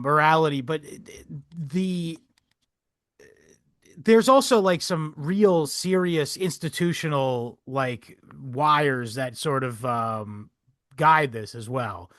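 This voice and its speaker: A young adult man co-hosting a casual history podcast, rambling and animated, swearing and laughing often. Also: a little high, takes it slowly, dry recording, studio quality. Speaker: podcast co-host.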